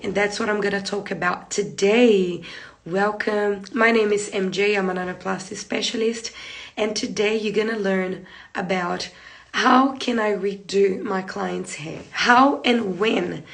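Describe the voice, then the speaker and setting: A hair treatment educator in her thirties, hoarse from a cold, chats through a live-streamed tutorial while seated at a desk in a small indoor room. Her voice is mid-range and her pace measured; she repeats points and gestures as she talks. A phone camera close in front of her does the recording.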